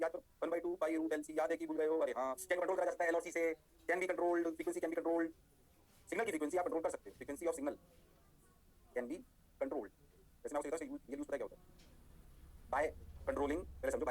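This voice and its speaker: During a spirited exam-prep class, a man whose pitch sits fairly high keeps confirming that everyone follows. Playful mimicry of students' eager replies mixes with English technical vocabulary in his delivery.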